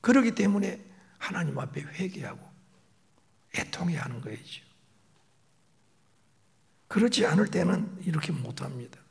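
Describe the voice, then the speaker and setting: A middle-aged male pastor preaching a sermon, moving between raised emphatic phrases and soft whispered asides. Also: on the high side, big pitch swings, normal speed, gravelly, long pauses.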